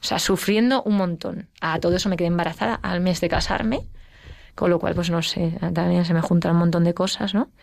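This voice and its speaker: A middle-aged woman with a Spanish accent, telling her personal story as an interview guest, emotional and quick. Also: on the low side, steady tone, vocal fry, darkish tone, dry recording. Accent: Spain. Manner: fast, emotional storytelling with acted quotes. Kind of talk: personal testimony in conversation.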